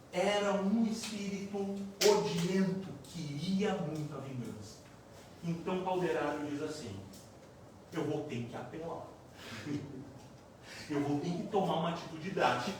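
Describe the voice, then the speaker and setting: A man's voice: sits high, heavy reverb. Male lecturer, dramatic storytelling, far from the mic, faint background noise. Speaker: spiritist lecturer. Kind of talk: public spiritist lecture, storytelling. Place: lecture hall.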